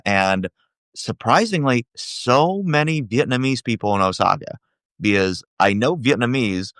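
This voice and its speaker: A man with a notably deep, low voice, talking in a loose, rambling way. He hedges and fills gaps with "like" and "um" as he shares his impressions. The recording is dry and close, with no room sound. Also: fairly bright tone, dry recording. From United States. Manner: rambling, hedging, lots of "like" and "um". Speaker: traveler sharing impressions. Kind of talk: casual conversational chat.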